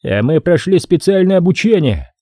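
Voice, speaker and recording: A cocky, bragging male technician, as the narrator puts him on. He talks bluntly and boasts about his gear and training. The voice is pushed higher than the reader's own, husky and dark, recorded dry. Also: sing-song, normal speed, no echo. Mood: boastful. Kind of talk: audiobook character voice.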